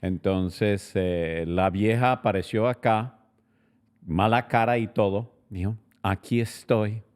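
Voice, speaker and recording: A man's voice: fairly low pitch, slow, a little mellow, clear, resonant tone. A man, an immigration lawyer co-hosting a podcast, telling his side of a story in a firm, matter-of-fact way. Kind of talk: casual storytelling chat.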